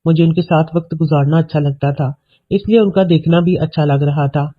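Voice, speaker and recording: Guy narrating a story, steady even read, kinda high voice, phone-like tinny audio.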